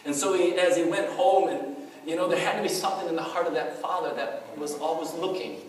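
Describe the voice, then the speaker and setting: Man preaching in a booming echoey hall. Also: brisk, a crowd in the background. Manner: animated conversational storytelling, many asides. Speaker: pastor. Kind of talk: sermon. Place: church hall. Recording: echoey hall, mic far off, faint noise.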